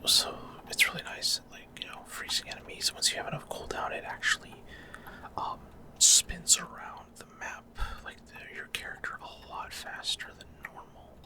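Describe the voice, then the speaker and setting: A gaming video host whispers without voicing, close to the mic, giving halting, casual ASMR commentary on gameplay and explaining things as he goes.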